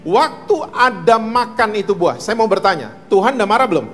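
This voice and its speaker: A male pastor preaches a sermon in a large church hall with soft music playing behind him. His high, fairly bright voice is expressive and brisk. He mixes in English words and puts questions to the congregation.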